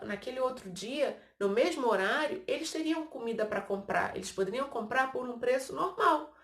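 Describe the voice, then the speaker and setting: Brazilian woman telling a Bible story to kids, echoey. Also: a little high. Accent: Brazilian Portuguese. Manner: storytelling with acted quotes, frequent asides to the kids. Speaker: children's Sunday school teacher. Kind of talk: Bible story lesson for children. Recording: echoey room.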